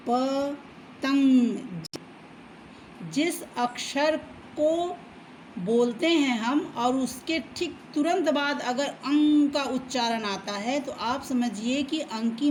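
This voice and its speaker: A woman teacher patiently explaining a children's lesson, often checking in with a quick okay and drawing words out slowly to sound them out. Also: high voice, slight background noise, poor audio. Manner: slow, drawn-out syllables when reading words aloud. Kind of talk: children's Hindi alphabet lesson.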